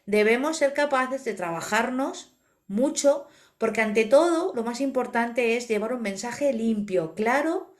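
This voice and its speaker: Una mujer con acento de España habla en un pódcast con un tono un poco alto. Narra con energía y se mete en sus anécdotas. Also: female voice, fairly high pitch, a little slow. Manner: animated storyteller, acts out quoted voices. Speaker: podcast co-host, animal communicator. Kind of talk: casual podcast conversation.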